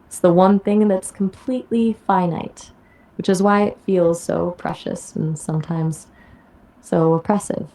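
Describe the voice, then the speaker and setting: A synthetic woman's voice of an AI assistant, pitched a little low, explains things in a polished conversational way. She closes each answer by turning a question back to the listener. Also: steady tone, measured pace, mellow.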